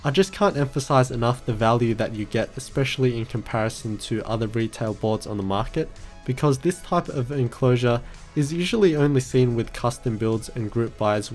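A man's voice: medium pitch, darkish tone. Man narrating a product review over music. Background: background music.

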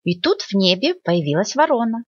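A woman librarian reading a children's fairy tale aloud in an expressive storytelling manner. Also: normal speed, breathy edge, no echo. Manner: expressive storytelling, lively pitch. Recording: dull lo-fi dry recording.

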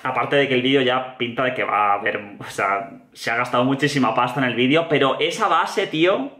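A man's voice: medium pitch, fairly quick. Casual Spanish man reacting, echoey room. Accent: Spain Spanish. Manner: animated, slangy, repeats "tío" often. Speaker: music reaction host. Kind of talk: casual music reaction commentary.

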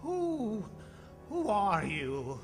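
An actor in a live staged radio drama playing a frightened, stammering old miser who pleads hesitantly. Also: male voice, high voice, huge pitch swings, very slow, in a large hall, over music, full character voice. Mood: timid, puzzled. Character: frightened, quavering old miser Ebenezer Scrooge. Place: on a theatre stage. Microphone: stand microphone with pop filter.

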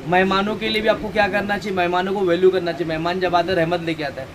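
A man in his thirties talks in a chatty, easygoing way with a fairly high voice. He walks through his stock and drifts into preachy asides. Street traffic and shop noise carry clearly behind him. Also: fairly even intonation, racing. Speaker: shop owner showing stock. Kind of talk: casual product walkthrough. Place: crowded housewares shop, indoors. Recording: noisy shop with traffic outside.

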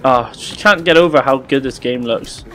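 A young man commentating his gameplay, joking and swearing with excited outbursts. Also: mid-range voice, normal speed. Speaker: gaming YouTuber. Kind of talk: let's play commentary.

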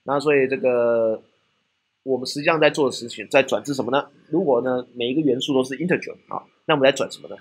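A man's voice: medium pitch, fast, breathy edge. A man with a Taiwanese Mandarin accent giving a technical classroom lecture, often asking rhetorical questions and checking in with "right?".

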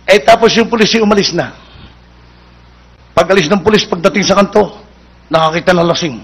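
A man's voice: high voice, a little fast, husky. A Filipino man telling a long comic story in a stage routine, acting out the characters he quotes. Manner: acts out quoted characters with raised voice. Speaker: comedian telling jokes.

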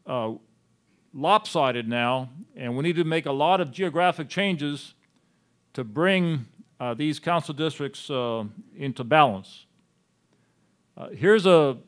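A man presenting census figures at a city town hall meeting, speaking in a measured way with frequent pauses. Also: on the high side. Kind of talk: slide presentation on census data.

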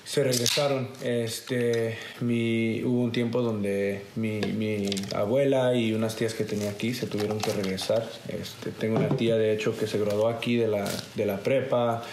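A man in his twenties from the United States, appearing as a guest on a garage set with a couch, recalls his childhood in a chatty way heavy with "este" fillers. His fairly low voice is flat, at normal speed with few pauses, and the sound is roomy over a noisy background.

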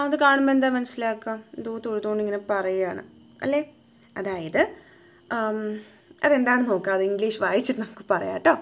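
Woman sounding out phonics slowly. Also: fairly high pitch. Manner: slow syllable-by-syllable sounding out, coaxing questions. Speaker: home tuition teacher. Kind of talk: phonics lesson for children.

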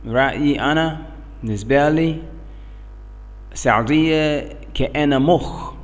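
Male, middle-aged American, English-accented broken Arabic; earnest, emphatic religious speaker, medium pitch, reverberant room. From United States. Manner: halting broken Arabic with English accent, repeats check-in questions. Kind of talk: informal religious talk to camera. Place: small bare indoor room.

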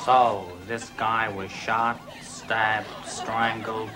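A man playing a stern, self-important TV police chief with portentous deadpan delivery in a cop show parody. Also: fairly low pitch, very slow, loud music behind the voice. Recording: old TV soundtrack, loud audience and noise.

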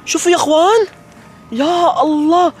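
A man hosting a kids' comedy skit, talking to his viewers in an excitable, dramatic way. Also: very high voice, normal speed, faint music behind. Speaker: youtube host.

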